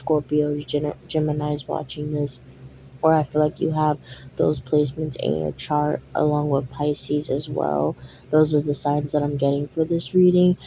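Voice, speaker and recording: A woman with a low, mellow voice reads tarot cards for her viewers. She talks in a drowsy, meandering way, with frequent ums and likes. A faint hiss sits under the recording. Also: poor audio. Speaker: tarot reader. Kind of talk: relaxed tarot reading.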